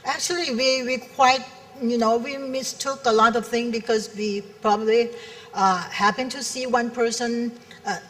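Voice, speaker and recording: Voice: medium pitch, steady tone, moderate pace, a bit bright. Conference panelist: frank, advisory, stumbles and repeats; sounds distant from the mic in a large hall. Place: convention hall.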